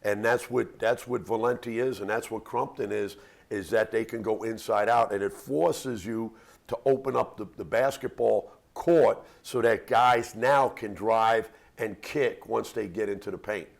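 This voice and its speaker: Male basketball coach, low and gravelly, relaxed and rambling. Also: a little slow. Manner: relaxed, rambling, many "you know" fillers. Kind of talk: radio interview answers.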